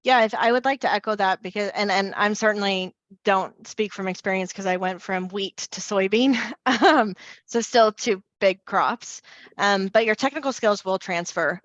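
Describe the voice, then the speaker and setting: Energetic woman on a video call panel. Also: mid-range voice, moderate pace, dry recording, highs cut off. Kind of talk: online panel discussion.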